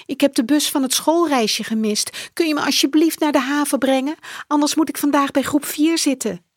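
A woman voicing an upset young schoolboy who is late, speaking high and urgently in a storybook reading. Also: moderate pace, no room sound, studio quality, close to an everyday voice. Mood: pleading.

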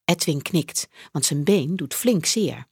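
A woman narrating a children's book aloud in a slow, expressive reading style. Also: sits low, slightly rough, no echo, studio quality. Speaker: audiobook narrator.

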